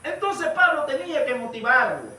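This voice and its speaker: High-voiced preacher in an echoey hall. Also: male voice, big pitch swings, moderate pace. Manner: storytelling, addresses listeners as brother, rises to shouts. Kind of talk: sermon. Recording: echoey room, far from the mic, light noise.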